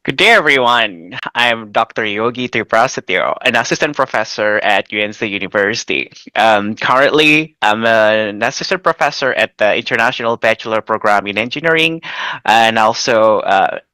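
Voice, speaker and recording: A man presents a recorded lecture. His voice is bright and forward, recorded close and dry with no room sound. He talks casually and loosely, with frequent fillers. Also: on the low side, normal speed, clear, resonant tone, no echo. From Indonesia. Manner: casual, with fillers like "okay" and "you know". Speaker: assistant professor, presenter.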